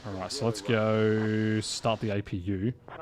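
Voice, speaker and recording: A man giving casual, relaxed live commentary while he plays a flight simulator. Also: a little slow, a crowd in the background. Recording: low game engine rumble behind voice.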